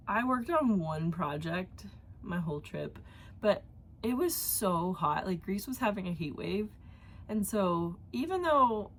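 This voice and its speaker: There's a slight hiss or hum behind this medium-pitched woman's voice. She's a young knitting podcaster talking casually from her home, rambling with fillers and sounding somewhat congested because of allergies.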